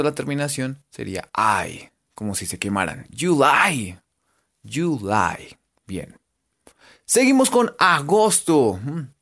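Playful Colombian teacher, lively voice. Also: mid-range voice. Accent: Colombian Spanish. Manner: playful, jokey, spells words letter by letter; animated, drawn-out sounding-out of words. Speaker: language teacher. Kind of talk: online language lesson.

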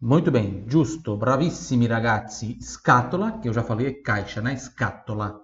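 A man teaching Italian pronunciation on a podcast, spelling out words and repeating them slowly for listeners to copy. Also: medium pitch, expressive, echoey room. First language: Portuguese. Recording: slightly dull lo-fi audio.

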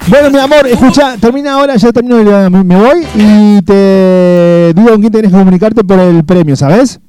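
A man's voice: high voice, moderate pace, dark tone, smooth, no room sound. A man with an Argentine accent hosting a radio call-in show, playful and teasing, calling the caller terms of endearment. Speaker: radio host. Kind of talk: lively radio call-in banter. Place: radio studio.

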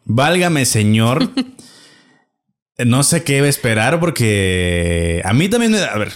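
A man's voice: medium pitch, huge pitch swings, slow. A man hosting a podcast like a playful ringmaster, announcing theatrically to his audience and chatting jokingly. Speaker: podcast host. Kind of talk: casual, joking podcast chat.

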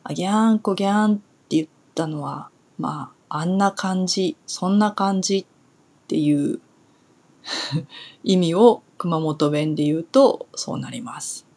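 A young woman from Kumamoto in Japan, talking through a relaxed solo Japanese lesson in a chatty way, pausing on soft fillers as she thinks aloud. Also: low-pitched, gravelly, slightly rough. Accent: standard Japanese. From Kumamoto, Kyushu, Japan. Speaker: Japanese teacher.

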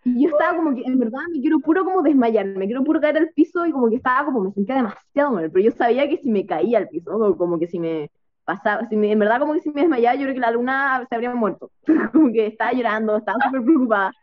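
Young Chilean woman, rambling chatty storyteller, rather high voice. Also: animated, quick pace. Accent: Chilean Spanish. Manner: rambling, filler-heavy storytelling. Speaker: storyteller guest. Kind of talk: casual chat. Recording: dull lo-fi dry sound.

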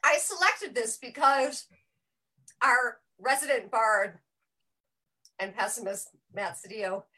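A woman with a bright, forward voice talks casually about an old film to a small group. She explains background at length, often correcting herself mid-sentence. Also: on the high side, slow pace, poor audio. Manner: chatty, explanatory, self-correcting. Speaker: panel member presenting a film pick. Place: small room with a group around one mic.

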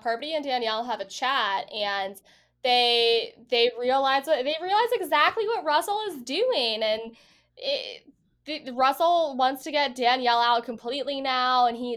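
A woman co-hosting a podcast, casually recapping a reality show episode with swearing and lively quoted voices. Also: high-pitched. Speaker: podcast co-host.

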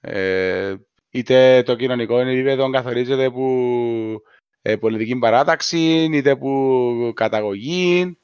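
A man with a Cypriot Greek accent, co-hosting a podcast in a measured, explanatory casual discussion. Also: mid-range voice, darkish tone, clear, resonant tone, no echo, highs cut off. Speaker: podcast co-host.

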